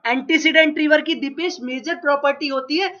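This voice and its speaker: A geography teacher with a cold gives an exam-prep lecture, his sore throat making him cough now and then as he drills each point by asking a question and repeating the answer. His male voice is extremely high, pushed and bright, with fairly even intonation at a moderate pace. The recording is lo-fi and dull.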